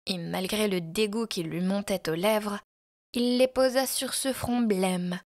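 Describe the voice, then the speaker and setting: A woman reading a classic story aloud as narrator, in measured, expressive storytelling. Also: mid-range voice.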